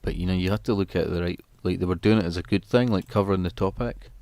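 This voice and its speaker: A man's voice: sits low, fast, a little mellow, no echo. A young man chatting casually with his live-stream viewers, rambling and chuckling as he reads their comments, sometimes drifting away from the mic. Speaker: musician streamer.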